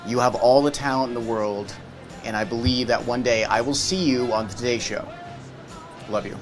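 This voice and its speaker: A man's voice: medium pitch, steady tone, normal speed, over music. A man working at the station giving a sincere farewell message to a colleague. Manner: sincere, warm wishes. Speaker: station co-worker.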